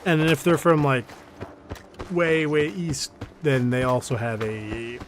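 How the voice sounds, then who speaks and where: A man's voice: medium pitch, fairly even intonation, unhurried. A young man giving casual, rambling commentary on his game stream, chatting with viewers and laughing easily. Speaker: gaming streamer. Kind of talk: casual let's-play commentary. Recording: game gunfire and noise behind voice. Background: game sounds, gunshots.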